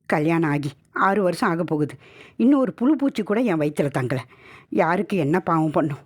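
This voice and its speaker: A woman's voice: lowish voice, animated, normal speed, darkish tone, husky. A woman voicing a young wife, affectionate and teasing, in a spoken horror story. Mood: tearful. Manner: coy, playful pleading.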